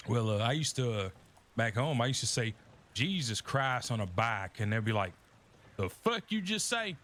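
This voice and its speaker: A man's voice: mid-range voice, moderate pace, fairly bright tone. A man in a Western role-play game, telling folksy stories full of rural sayings and mock voices.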